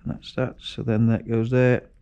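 Inside a large, messy garage workshop, a home mechanic vlogger talks casually through an engine rebuild, correcting himself and starting over as he thinks aloud. His mid-range voice is warm, clear and resonant, delivered flatly at a moderate pace. The chest-mounted action camera cuts off the high frequencies.

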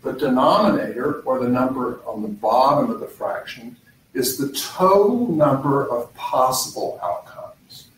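A man's voice: medium pitch, lively intonation. Middle-aged guy tutoring math, lots of uhs and ums, sounds a bit far off in an echoey room. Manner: unhurried, explaining step by step with frequent "uh" and "um" fillers. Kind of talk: live-streamed skills session lecture. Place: campus learning center room. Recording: roomy, mic at a distance, faint background hum.

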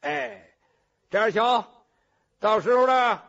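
A man's voice: extremely high pitch, takes it slowly, creaky, a bit bright, full character voice. A male storyteller voicing a brash, swaggering bandit hero who blusters and gives orders, in a traditional storytelling performance. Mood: bossy. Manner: blustering, defiant, bossy. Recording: dull lo-fi recording.

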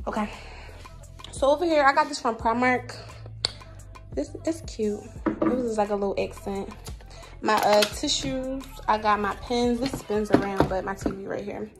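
A woman's voice: medium pitch, moderate pace, long pauses, over loud music. A young woman, a college freshman, giving a casual tour of her dorm room and listing her things for her viewers. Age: young adult. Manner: chatty, listing items, addresses viewers as y'all. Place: small dorm room indoors.

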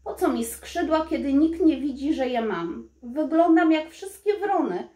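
Lady doing a whiny little crow princess, squeaky high, caws a lot, echoey room. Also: lively intonation, unhurried, warm tone. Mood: plaintive. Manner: high cawing plaintive voice. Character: spoiled young princess turned crow, whiny. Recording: roomy echo.

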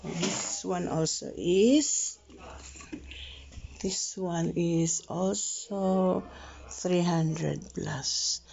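A woman giving a slow, casual tour of her house being renovated, recorded on a phone. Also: fairly low pitch, creaky, darkish tone. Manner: slow, plain narration with fillers, teasing the workers. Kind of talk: casual home tour vlog. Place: outdoors and inside a house under construction. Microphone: phone camera held by the speaker. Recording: dull phone audio, voices around.

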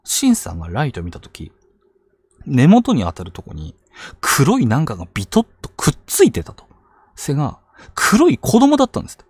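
A man narrating ghost stories on a live stream, dramatic, with hushed lows and sudden outbursts. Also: slightly rough, no echo. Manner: dramatic telling, hushed low asides rising to sudden outbursts. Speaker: ghost story teller.

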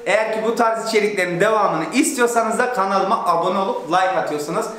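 A young man vlogging casually, complaining loudly and swearing in comic exasperation. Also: high-pitched, fast. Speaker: YouTuber. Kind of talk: casual vlog chat. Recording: very echoey room.

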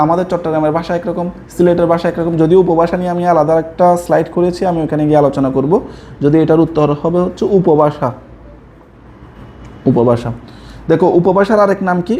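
A man's voice: on the high side, dark tone, slight background noise. A young man from Chittagong with a Chittagonian Bengali accent, teaching a coaching lesson from slides and repeating key answers to his students. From Chittagong, Bangladesh. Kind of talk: slide-based exam prep lesson.

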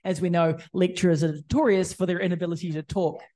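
A woman in her forties with a husky, throaty voice from a chest cold, moderating a panel in a hesitant, self-deprecating way. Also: lowish voice, fairly even intonation, fast, mellow. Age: 40s.

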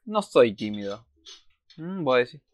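Casual reaction commentary comes from a male host in his twenties with an Argentine Spanish accent, who reads subtitles aloud and exclaims in between. His mid-range voice has big pitch swings, and his pace is measured.

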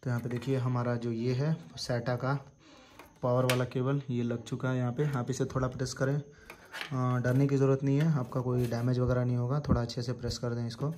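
A man casually walking viewers through installing a hard drive, talking in a steady, repetitive instructional way. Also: mid-range voice, moderate pace. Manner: flat, repetitive instructional talk with fillers. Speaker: tech tutorial host. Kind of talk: casual hands-on tutorial. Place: indoors at a desktop PC. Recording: noisy home recording.

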